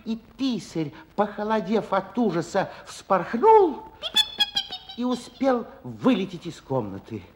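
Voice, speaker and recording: An actor playing a playful magical storyteller, narrating a fairy tale in a theatrical, teasing and suspenseful way. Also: male voice, high voice, huge pitch swings, slow, darkish tone, slight background noise, heavily acted. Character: playful magical storyteller addressing listeners and characters.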